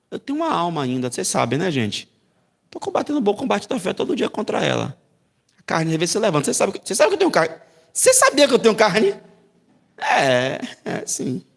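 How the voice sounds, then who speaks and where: A man from Brazil teaching a Bible class in a church as pastor, animated and acting out voices. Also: vocal fry. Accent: Brazilian Portuguese. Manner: animated, acts out voices with big pitch jumps. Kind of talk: sermon-style Bible lesson.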